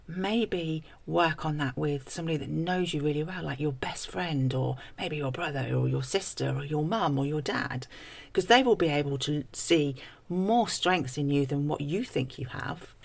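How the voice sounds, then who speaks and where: A woman's voice: sits low, gravelly. A woman co-hosting a podcast in a conversational way, giving encouraging, practical advice like a life coach.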